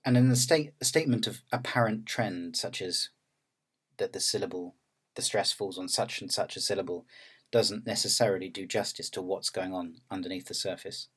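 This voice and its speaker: A man narrating an academic lecture in a measured, explanatory way. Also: low voice, fairly bright tone, husky.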